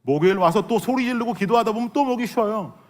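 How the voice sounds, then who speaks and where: A middle-aged pastor with a hoarse, worn, high voice preaches quickly and emphatically in an earnest Sunday sermon that includes personal testimony. He keeps posing rhetorical questions to his congregation.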